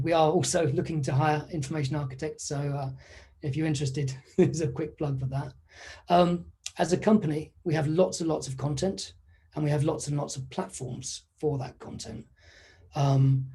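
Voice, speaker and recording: A man delivers a conference talk over a video call. He sounds easygoing and conversational and often pauses on fillers. His voice is warm and dark with a touch of huskiness. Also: on the high side, slightly rough. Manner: relaxed, conversational, with frequent fillers. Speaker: conference speaker. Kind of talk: online conference presentation.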